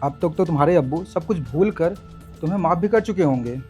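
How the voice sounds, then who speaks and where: An actor playing a gentle young husband who speaks softly and reassuringly. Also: male voice, on the high side, expressive, fairly quick, faint music behind, lightly acted. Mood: easy. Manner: soft, reassuring. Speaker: actor in a short drama. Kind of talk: Hindi short-film acting.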